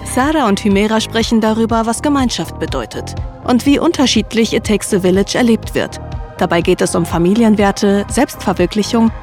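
A woman reading a scripted podcast introduction in a smooth, announcing manner. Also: medium pitch, normal speed, a little mellow. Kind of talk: scripted narration. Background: background music.

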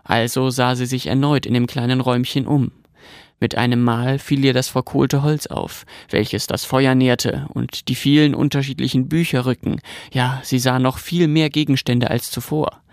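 Narrator reading a storybook, calm and even, gravelly, dry close sound. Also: male voice, medium pitch, moderate pace, no echo.

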